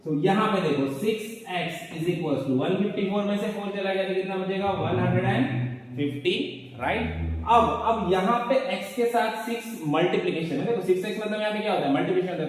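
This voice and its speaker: A man's voice: high-pitched, quick pace, far from the mic. A man teaching maths step by step, repeating points and asking questions that he answers himself. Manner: repetitive, coaxing, asks and answers his own questions. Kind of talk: board lesson explaining step by step. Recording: echoey room, voice from off-mic.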